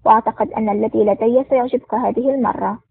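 Admiring male equipment officer, read by a woman, fast reading, tinny phone-like audio. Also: on the high side, fairly even intonation, creaky, husky, dry recording. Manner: warmly admiring.

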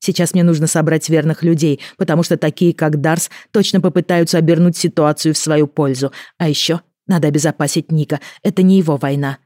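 A woman narrating a first-person fantasy audiobook with an expressive reading. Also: low voice, a little fast, hardly any pauses, no room sound, clean studio sound.

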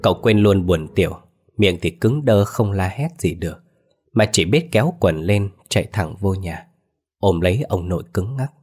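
Guy telling a ghost story, lowish voice, folksy. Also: expressive, moderate pace, darkish tone, slightly rough.

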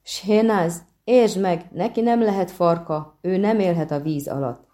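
A woman's voice: fairly low pitch, dark tone, lightly acted. A woman voicing a weary grown man, a monster hunter, patient but exasperated, in an audiobook. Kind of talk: audiobook reading.

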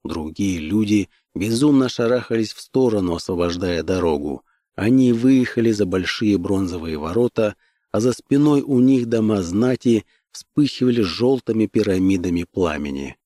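A man narrating an adventure story in a measured, even storytelling manner. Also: on the low side, no room sound, studio quality. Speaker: audiobook narrator. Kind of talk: scripted audiobook narration.

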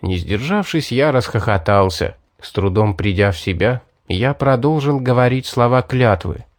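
A man reading a first-person fantasy audiobook in an even, measured narrating voice. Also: mid-range voice, no echo, clean studio sound.

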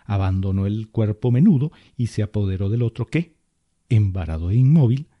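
A man giving scripted narration of a story podcast in a measured way. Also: lowish voice, expressive, no echo, highs cut off.

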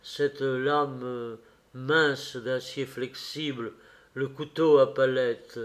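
A man narrating a classic novel as an audiobook, in a measured, expressive storytelling manner. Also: medium pitch. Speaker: audiobook reader.

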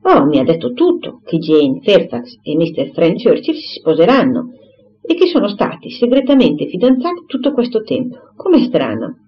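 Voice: medium pitch, huge pitch swings, normal speed. A reader voicing Harriet, an eager young woman. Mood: excited. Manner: breathless, exclaiming. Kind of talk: audiobook character reading. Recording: slightly dull recording, faint hiss.

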